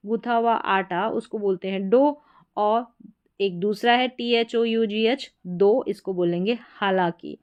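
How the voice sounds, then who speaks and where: Woman teaching spelling, smooth clear voice. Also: medium pitch, highs cut off. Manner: spells out letters slowly, repeats each word several times. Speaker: English pronunciation teacher. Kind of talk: explanatory lesson.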